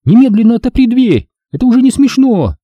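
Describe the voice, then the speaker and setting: A man voicing a bold, angry young girl in an audiobook, speaking high and indignant. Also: very animated, moderate pace, dry recording, highs cut off. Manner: high-pitched, shouting, indignant. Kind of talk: audiobook character reading.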